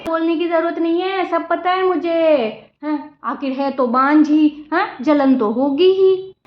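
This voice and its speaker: A woman's voice: very high-pitched, measured pace, a little hiss or hum. A woman playing a domineering mother-in-law who scolds and taunts her daughter-in-law, in an echoey room with slightly dull sound. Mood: scornful.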